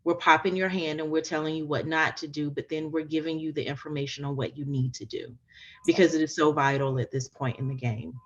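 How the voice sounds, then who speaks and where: A woman's voice: low-pitched, fairly even intonation, brisk, muffled recording. A woman hosting a podcast interview, talking in an enthusiastic, emphatic way and repeating her phrases for stress. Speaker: podcast host and coach. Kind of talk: casual interview chat.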